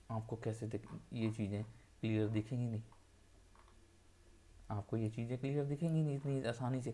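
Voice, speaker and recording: Male trading teacher, mid-pitched, insistent and repetitive, walks through charts on screen. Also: mellow. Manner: insistent, repeats points for emphasis. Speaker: trading educator. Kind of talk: screen-share chart tutorial.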